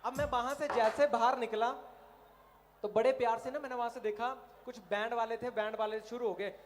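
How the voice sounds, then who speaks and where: A man from Himachal Pradesh doing animated stand-up comedy on an outdoor festival stage, telling stories. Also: very high voice, moderate pace, noisy background. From Himachal Pradesh, India. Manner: animated storytelling, puts on animal and cartoon voices. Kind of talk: stand-up comedy at a college fair.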